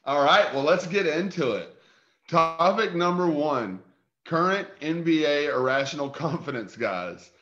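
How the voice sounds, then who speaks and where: Co-host on a bad connection. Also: male voice, a little high, expressive, unhurried, a bit bright. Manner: upbeat, laying out the game rules. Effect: bad connection, cutting out. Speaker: podcast co-host. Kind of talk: casual sports podcast chat. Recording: dull, echoey remote call audio.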